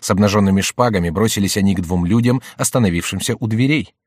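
Male narrator, measured dramatic read, low voice, dry studio. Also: no echo. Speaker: audiobook narrator. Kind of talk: scripted narration.

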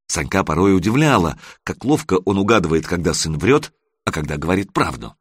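Low husky male audiobook narrator. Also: big pitch swings, brisk, no echo, clean studio sound. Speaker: audiobook reader.

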